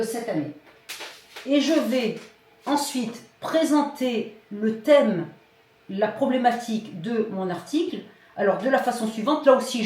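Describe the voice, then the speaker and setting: A woman's voice: a little high, darkish tone, distant mic. A woman teaching a grammar lesson in a patient, didactic way, repeating key phrases and checking understanding. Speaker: Spanish teacher. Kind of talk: classroom lesson explaining grammar. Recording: very echoey room, voice off-mic.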